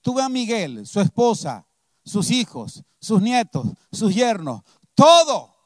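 A man preaching from the pulpit in a strikingly high voice. He tells his story with emphasis and hammers his key phrases through repetition. The sound is close and dry. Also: big pitch swings, slow, no echo. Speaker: pastor. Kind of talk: sermon.

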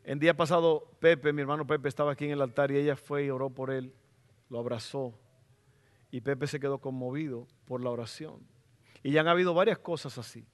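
A middle-aged man preaching a sermon as pastor in a church, fervent and rising to loud exclamations. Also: mid-range voice, fairly even intonation, brisk. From Latin America.

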